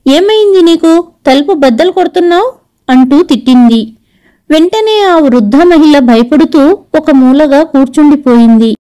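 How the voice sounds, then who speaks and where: A woman narrating a scripted audio story in a steady, even-paced reading. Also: high-pitched, poor audio.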